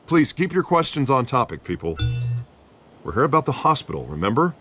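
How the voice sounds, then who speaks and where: An American actor playing a confident, smooth-talking politician in a video game, with emphatic, oratorical delivery. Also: male voice, mid-range voice, very animated, brisk, a bit bright, soft background music. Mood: firm. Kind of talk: video game voice acting, podium speech.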